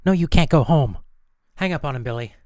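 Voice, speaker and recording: A man's voice: fairly high pitch, animated, brisk, darkish tone, no echo. A man hosting a comedy radio sketch, exasperated and sarcastic with the callers. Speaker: radio host.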